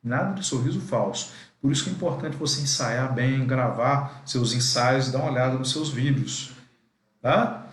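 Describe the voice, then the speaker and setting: A man's voice: mid-range voice, moderate pace, echoey room. A man with a Brazilian Portuguese accent teaching a live online class, with a didactic manner and frequent asides to his students. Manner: didactic, addresses students as "gente".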